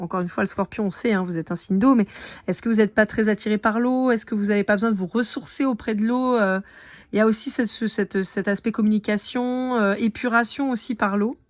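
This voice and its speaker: A woman's voice: mid-range voice, no echo. A woman giving a casual live card reading, chatting directly to her viewers. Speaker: tarot card reader.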